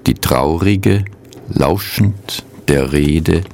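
A man with a very low voice and a gravelly edge reads poetry on the radio. He recites slowly and calmly, with measured pauses, then introduces the next pieces in the same unhurried manner. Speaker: radio presenter. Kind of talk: radio poetry reading and presenting.

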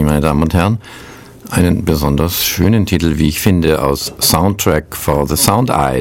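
Deep, gravelly, unhurried male radio voice. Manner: calm, measured recitation. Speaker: radio presenter. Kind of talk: radio poetry reading and presenting.

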